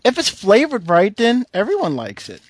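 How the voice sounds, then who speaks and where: A man's voice: sits high, huge pitch swings, normal speed, dry recording. A man hosting a podcast in casual banter, opinionated and given to emphatic repetition. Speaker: podcast host. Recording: music playing behind the voice.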